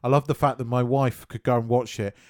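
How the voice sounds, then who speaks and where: A man co-hosting a casual film chat, animated and swearing freely, laughing often. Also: mid-range voice, fairly quick. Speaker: podcast co-host.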